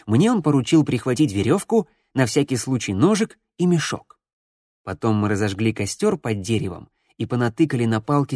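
Male audiobook narrator, mid-pitched, expressive dramatic first-person read, very dry close sound. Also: no room sound.

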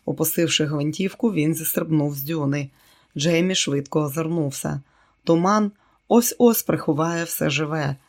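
A male narrator giving a steady, dramatic reading of a novel. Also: a little high, normal speed. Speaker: audiobook narrator. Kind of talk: scripted narration.

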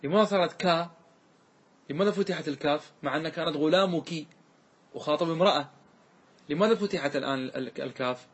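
A sheikh, a man, teaches classical grammar in a slightly high, husky voice. He walks through each rule step by step and keeps checking that his listeners are following. When he recites example words, he draws them out slowly. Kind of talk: classical Arabic grammar lesson.

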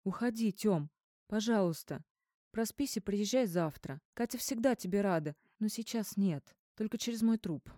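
Woman doing a scared young woman, trembling and pleading, higher than the narration, dry close sound. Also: fairly quick, hardly any pauses, warm tone, no echo, lightly acted.

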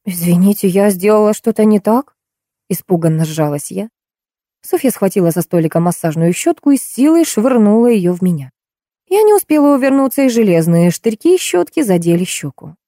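A woman reading a first-person audiobook in a steady storytelling manner. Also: mid-range voice, a little fast, dry recording, clean studio sound. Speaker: audiobook narrator.

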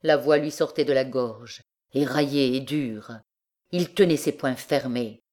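Slow low-voiced woman reading a novel. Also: a little mellow. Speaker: audiobook reader. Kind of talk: scripted audiobook narration.

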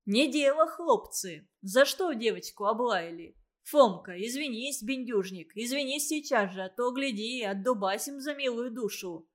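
Cheerful young male laborer, read by a woman, bluff and coaxing, fairly high. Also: animated, a little slow. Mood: urging. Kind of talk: audiobook reading.

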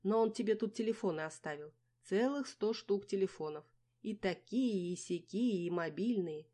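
A woman's voice: medium pitch, normal speed, dark tone, voice pushed up, natural voice. A woman reading an audiobook voices a chatty, fussing middle-aged mother who exclaims, laments and teases.

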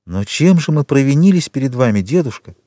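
A man's voice: medium pitch, big pitch swings, fairly quick, mellow, dry recording, studio quality, pitched above the performer's own voice. A man reading an audiobook, voicing a young woman who earnestly implores her grandfather. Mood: imploring.

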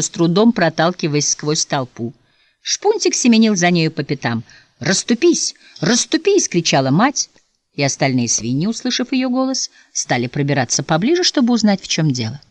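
Woman audiobook narrator, low voice, very animated storytelling. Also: no room sound. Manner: expressive, lively storytelling. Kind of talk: scripted narration.

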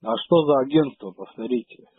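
A man's voice: fairly high pitch, very animated, a little fast, gravelly, breathy edge, dry recording. Abusive man on a tinny phone line. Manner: crude, abusive, mocking. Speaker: debtor taking collection calls. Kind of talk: phone argument.

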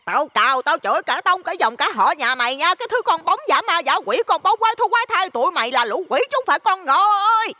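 A man voicing a shrill, brawling middle-aged mother who shouts insults, with a Southern Vietnamese accent. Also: sing-song, fast, hardly any pauses, in a large hall, heavily acted. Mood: furious.

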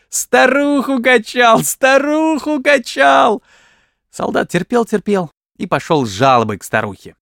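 A man reading bawdy folk tales aloud in a lively, wry storytelling manner. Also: on the high side, no echo, studio quality. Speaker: narrator.

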